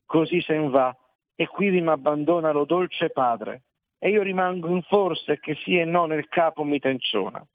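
Man slowly reading old poetry, solemn and measured, sounds like through a phone line. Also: on the high side. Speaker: reader. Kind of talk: recitation of classic verse. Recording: tinny narrow-band dry recording.

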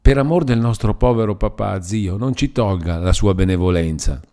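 A man's voice: lowish voice, moderate pace, dark tone, natural voice. A man voicing a timid young woman who pleads with her uncle, close to tears, in an audiobook reading. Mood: imploring. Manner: trembling, on the edge of tears.

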